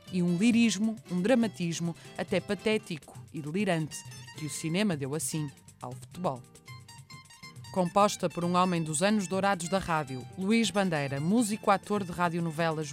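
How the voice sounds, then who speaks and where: A woman with a European Portuguese accent, presenting a scripted documentary feature. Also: lowish voice.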